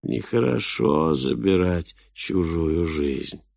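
Give me a man playing a monotone, nasal wild boar in a storybook, dragging out every word in a low voice. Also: slow pace, vocal fry, dry recording, clean studio sound, full character voice. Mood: droning. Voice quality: nasal drawl. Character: wild boar that speaks haltingly, strange and slow.

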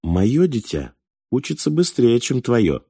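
A man voicing a teasing seventeen-year-old girl weaver in a storybook reading, her lines wry and gently mocking. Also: medium pitch, sing-song, slow, gravelly, breathy edge, no room sound, studio quality, pitched above the performer's own voice, full character voice.

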